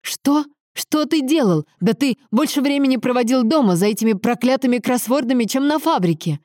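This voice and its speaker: A woman reader voicing an angry young adult son who shouts and hisses accusations at his father. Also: extremely high pitch, quick pace, no room sound, studio quality, voice pushed up. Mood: furious. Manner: shouting, hissing, bitter interrogation.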